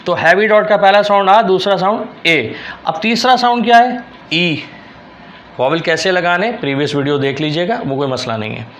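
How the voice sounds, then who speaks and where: A man's voice: sits high, normal speed, a bit bright, a little hiss or hum. A man from Pakistan with a Karachi Urdu accent, teaching a shorthand lesson, patiently repeating words and spelling them out letter by letter. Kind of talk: classroom-style lesson.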